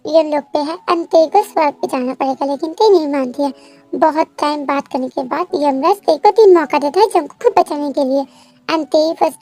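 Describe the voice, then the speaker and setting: Very high-voiced woman telling a story. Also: a little mellow. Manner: chatty, explaining directly to viewers. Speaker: fan story narrator. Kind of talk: casual storytelling voice-over.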